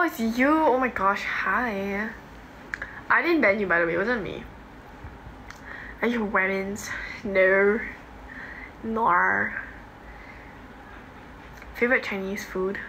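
With a medium-pitched, sharp-toned voice, a young adult Singaporean woman chats casually and slangily on a livestream, offhandedly answering comments as she reads them. She's in her bedroom at home, and the phone held at arm's length picks up clear background noise from the room.

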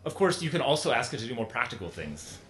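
A man's voice: big pitch swings, fast, fairly bright tone. Man giving a keynote in an echoey hall. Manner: conversational, with frequent fillers and restarts. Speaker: keynote speaker. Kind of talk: conference keynote talk. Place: large conference hall. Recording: echoey hall, faint rumble.

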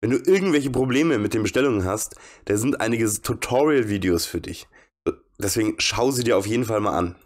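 A man's voice: fairly low pitch, lively intonation, a little fast. A man reading out the lines of a strict senior coworker who scolds a new barista in a horror game. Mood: stern. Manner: stern, scolding.

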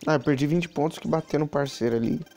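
A man's voice: a little high, fast, dark tone, soft background music. A man giving chatty, casual commentary while playing a mobile game, talking to his viewers with many asides. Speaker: mobile game channel host.

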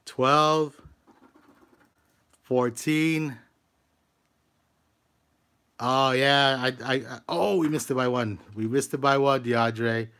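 A man's voice: medium pitch, takes it slowly, pauses often, a bit bright, clear, resonant tone. A man hosting a live stream, scratching lottery tickets, greeting viewers by name and urging each ticket on. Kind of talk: casual live-stream commentary.

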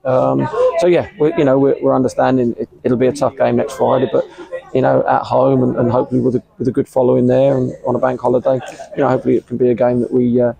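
A middle-aged English football manager in a post-match interview outdoors at a ground, measured and hesitant, with many fillers and repeated words. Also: male voice, medium pitch, little pitch movement, gravelly, dark tone, highs cut off. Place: outdoors under a covered stand at a football ground.

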